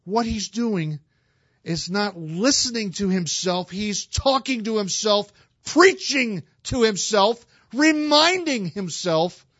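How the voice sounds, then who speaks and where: A man's voice: high voice, a bit bright, slightly rough, no echo. A man preaching a sermon as a pastor, earnest and emphatic, often restarting his words. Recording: slightly dull, dry recording.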